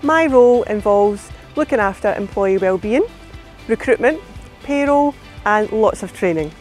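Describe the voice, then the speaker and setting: A woman's voice: medium pitch, expressive, a little slow, darkish tone. A woman working as an HR manager, speaking in an upbeat, fluent way in a filmed workplace interview. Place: outdoors in front of a hotel. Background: background music.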